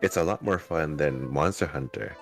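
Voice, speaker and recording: A man's voice: rumbling low, normal speed, soft background music. A man chatting casually about video games on a podcast, often repeating words as he restarts. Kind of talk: casual gaming chat.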